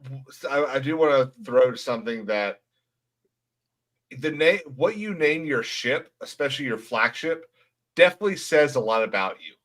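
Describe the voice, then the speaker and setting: A man's voice: medium pitch, animated, normal speed, a bit bright. A man co-hosting a casual history podcast, talkative and full of asides. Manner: talkative, offers asides and opinions. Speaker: podcast co-host.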